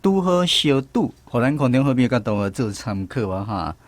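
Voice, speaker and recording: A man with a Taiwanese accent hosts a radio language quiz segment, moderating conversationally between contestants and teachers. His mid-range voice has a sing-song lilt and moves at a moderate pace.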